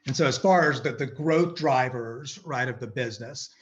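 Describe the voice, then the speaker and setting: A man interviewing an executive, asking quick questions and peppering them with "right". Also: mid-range voice, dull audio. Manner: quick, uses "right" as filler.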